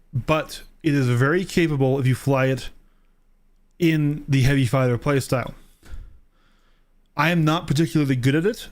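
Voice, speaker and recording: A man streaming a game, explaining things step by step in a casual way and often checking in with "right?" and "okay?". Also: medium pitch.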